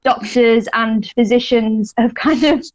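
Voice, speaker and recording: A woman's voice: fairly high pitch, steady tone, unhurried, dull audio, a little hiss or hum. A woman co-hosting a podcast in casual chat, playful and laughing often as she talks. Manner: giggly, playful, laughs between lines. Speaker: podcast co-host.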